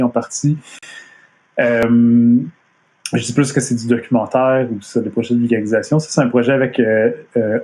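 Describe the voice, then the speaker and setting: Montreal-accented man, chatty, halting. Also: mid-range voice, dark tone. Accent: Montreal French. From Quebec. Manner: hesitant, many fillers and restarts. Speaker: comic artist giving a talk. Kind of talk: casual live-streamed presentation. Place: at home. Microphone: computer mic on a video stream.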